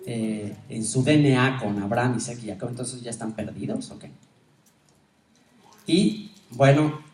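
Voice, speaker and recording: A man gives an animated conference teaching, asking his audience questions and laughing often. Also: fairly high pitch. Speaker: teacher giving a conference talk. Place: conference hall. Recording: roomy hall sound from a distance, faint ambience.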